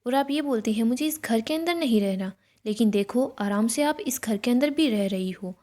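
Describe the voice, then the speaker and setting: Resentful young woman snapping back, read out by a woman narrator, a bit high, plain recap read. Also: animated, normal speed, close to an everyday voice. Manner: sharp, resentful retorts. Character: young woman angrily standing up to a guest.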